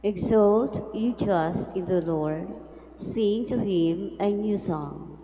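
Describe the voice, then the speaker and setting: A woman cantor leading the congregation in slow sung responses, heard in a cathedral echo. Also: mid-range voice, mellow, a little hiss or hum. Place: large church. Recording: long church reverb.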